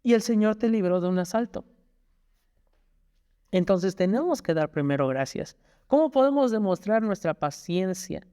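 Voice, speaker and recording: A man's voice: high-pitched, lively intonation, normal speed, dark tone, smooth, big-room sound. A man with a Mexican accent hosting a devotional podcast, telling everyday stories in a conversational way. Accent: Mexican Spanish. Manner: conversational storytelling, acting out everyday scenes. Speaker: podcast host.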